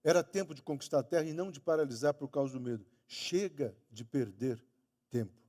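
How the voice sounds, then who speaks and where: A man's voice: brisk, mellow. A man preaching a sermon with a Brazilian Portuguese accent, emphatic and stretching key words for weight. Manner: emphatic, stretching key words and raising pitch on quoted lines. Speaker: pastor. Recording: long church hall reverb.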